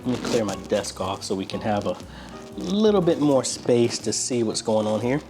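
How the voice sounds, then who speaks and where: Over music and in low-quality audio, an American man hosts a casual unboxing in his apartment, speaking at a moderate pace with an animated, medium-pitched voice. He is a video host and member of a church media ministry, talking unscripted as he thinks aloud.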